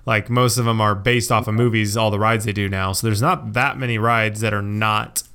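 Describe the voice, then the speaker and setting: A middle-aged man hosting a casual family podcast, rambling along with hesitant pauses. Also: fairly low pitch, steady tone, bright, forceful tone, clean tone. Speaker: podcast host, father.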